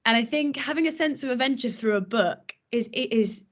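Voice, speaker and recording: A woman's voice: fairly high pitch, brisk. A woman, an actress appearing as a podcast guest, chatting earnestly and enthusiastically about films and acting. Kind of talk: casual film chat.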